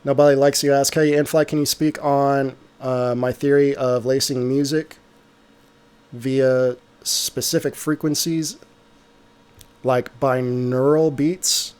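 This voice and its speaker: A man hosting a casual livestream, answering viewer questions about music software in a relaxed way, trailing off with fillers. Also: mid-range voice, slow pace, clean tone. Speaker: music producer streamer.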